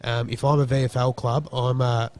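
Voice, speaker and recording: A man's voice: mid-range voice, level tone, moderate pace, a little mellow. An Australian man giving post-match football commentary, loose and rambling with lots of ums and restarts.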